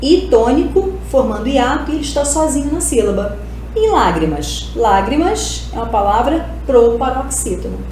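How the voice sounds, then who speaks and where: A woman's voice: high-pitched, very animated, normal speed, darkish tone. Brazilian woman teaching in an echoey room. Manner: explains step by step, asks and answers herself. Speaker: Portuguese teacher. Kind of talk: exam-prep video lesson. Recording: very echoey room, faint hiss.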